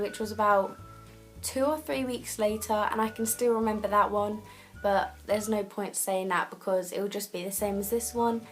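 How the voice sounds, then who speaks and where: A teenage woman recounting a personal experience in a vlog, rambling and candid with many fillers and restarts. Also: mid-range voice. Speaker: vlogger.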